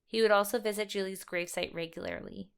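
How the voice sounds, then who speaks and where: A woman's voice: mid-range voice, big pitch swings, fast, clear, resonant tone. A woman co-hosting a true-crime podcast, telling the case in a chatty, storytelling way and swearing casually. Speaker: podcast co-host.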